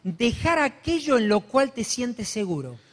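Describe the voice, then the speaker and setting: Fervent preacher in an echoing hall. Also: male voice, very high-pitched, very animated, measured pace. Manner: rises to loud fervent emphasis. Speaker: pastor. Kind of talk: sermon. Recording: long hall reverb.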